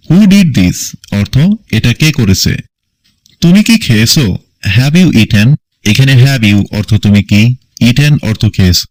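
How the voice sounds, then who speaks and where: Slow, deliberate man teaching English phrases. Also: mid-range voice, no room sound, low-quality recording. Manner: reads English sentences very slowly and deliberately. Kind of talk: scripted phrase-by-phrase language lesson.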